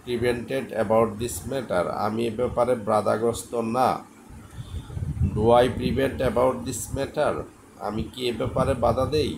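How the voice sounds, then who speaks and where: A man with a Bengali accent teaching English, reading each sentence very slowly and then translating it. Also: mid-range voice, fairly even intonation, gravelly, background noise. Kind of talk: slow drilled language lesson.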